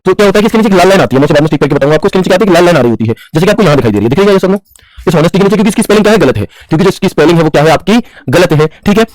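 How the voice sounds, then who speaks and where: A man teaching a computer lesson, talking very fast in a fairly high voice. He keeps asking the class questions and answers them himself, dropping English terms into his explanations. The recording is dry and close, with no room sound. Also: expressive, darkish tone, no echo, poor audio. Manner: mixes English terms into Hindi, calls students bhaiya. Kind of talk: screen-share tutorial lesson.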